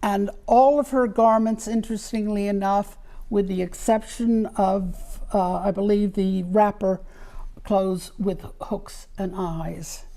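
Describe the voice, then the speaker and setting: A woman talking carefully through the details of antique doll clothing in a relaxed show-and-tell chat. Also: medium pitch, slow. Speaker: doll collector guest.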